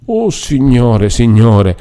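A man's voice: deep voice, big pitch swings, measured pace, dark tone. A man reading aloud and voicing a distressed middle-aged peasant mother who pleads anxiously, close to tears. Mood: pleading.

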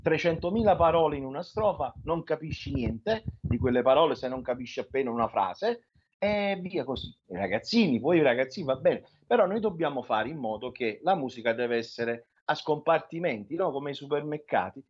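A man's voice: on the high side, animated, a little fast, breathy edge, highs cut off. A man in his forties with a Neapolitan accent, chatting colloquially and telling rambling stories as a radio guest on a remote line. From Naples, Italy. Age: 40s. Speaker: singer-songwriter, radio guest. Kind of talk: casual radio interview. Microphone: remote line into radio show.

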